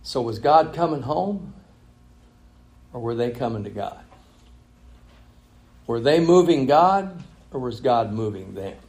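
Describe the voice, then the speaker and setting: A male pastor preaching a sermon, switching between loud emphatic reading and quiet, intimate asides. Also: medium pitch, animated, slow pace, long pauses.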